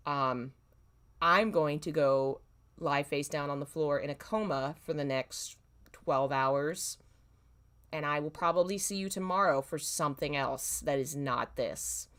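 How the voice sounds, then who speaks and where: A woman with a low, fairly bright and clean voice speaks at a measured pace. She's hosting a casual livestream, reading her own old fan fiction aloud with self-deprecating, dramatically exasperated humor.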